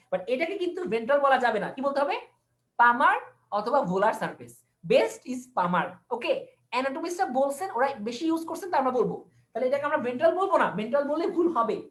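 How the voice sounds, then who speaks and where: A woman with a fairly high voice teaches an online anatomy class. She switches languages for technical terms, repeats key words, and quizzes her listeners.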